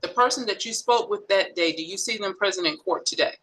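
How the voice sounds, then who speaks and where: A woman's voice: mid-range voice, fairly quick, fairly bright tone, husky, rough recording. A woman prosecutor questioning a witness in court, methodical and step by step. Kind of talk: courtroom direct examination.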